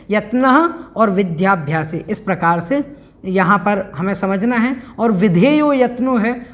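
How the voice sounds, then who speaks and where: A woman teaching an online scripture class, patiently explaining verses, chanting them slowly and drilling pronunciation. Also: fairly high pitch.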